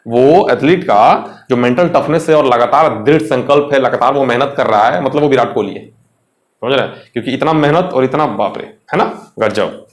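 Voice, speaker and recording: This is a reverberant recording of a young man at medium pitch, Indian accent, explaining English vocabulary for an exam. His style is conversational, switching between Hindi and English, and he regularly asks his students questions.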